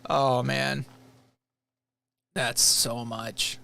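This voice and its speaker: On a dry recording, a man from Rochester, New York, hosts a livestream, reacting to a replay in casual chat. His mid-range voice has vocal fry and drawn-out words, and he comes across as earnest, rambling and animated.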